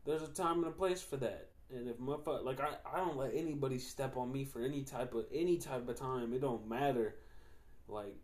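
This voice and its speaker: A man's voice: mid-range voice, a little fast, darkish tone. A young man hosting a podcast, rambling in a slangy, profane casual monologue full of "like". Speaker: podcast host.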